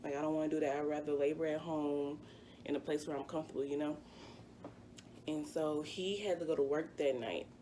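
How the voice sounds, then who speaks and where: Low-voiced young woman telling a story. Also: fairly even intonation, a little fast, mellow, a little hiss or hum. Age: 20s. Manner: chatty, rambling, full of fillers. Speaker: vlogger. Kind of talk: casual storytime.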